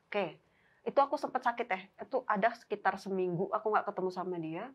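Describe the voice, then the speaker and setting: A woman's voice: medium pitch, fast talker, breathy edge. A young woman, casually telling a story as a guest and often quoting herself and her friend. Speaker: guest telling a ghost experience. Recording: dull lo-fi recording.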